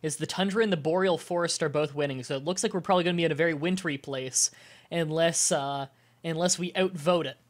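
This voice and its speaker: A congested man wearing a nasal strip, short of breath, chatting casually to viewers as a live streamer and pausing to breathe. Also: fairly high pitch. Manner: halting, with pauses to breathe and throat clearing. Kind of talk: casual livestream chat to viewers. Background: music.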